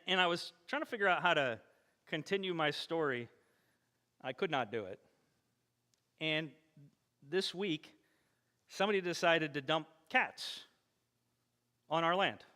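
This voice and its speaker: A male pastor preaching a conversational sermon in a church sanctuary, telling stories and acting out quoted speech. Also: fairly high pitch. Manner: animated storytelling, acts out quoted speech. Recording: echoey church hall.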